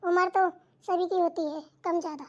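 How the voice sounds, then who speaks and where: An educated young daughter-in-law lectures and needles in a very high voice, as a woman voices her. She nags about chores and defends herself when blamed. This is a cartoon household drama. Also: fairly even intonation, moderate pace, a little mellow, dull audio. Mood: preachy. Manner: nagging, preachy, defensive. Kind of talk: cartoon voice acting.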